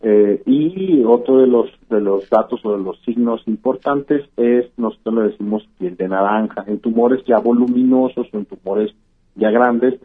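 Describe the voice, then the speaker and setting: A man's voice: medium pitch, a little slow, husky. A man, a physician explaining things patiently in a radio interview, with many "eh" fillers and "¿verdad?" tags. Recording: tinny phone-like line.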